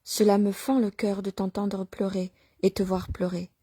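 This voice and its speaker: A woman voicing a tender young mother soothing her crying newborn in a soft, partly whispered voice. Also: medium pitch, little pitch movement, normal speed, slightly rough, no echo, clean studio sound, lightly acted. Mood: tender, hushed.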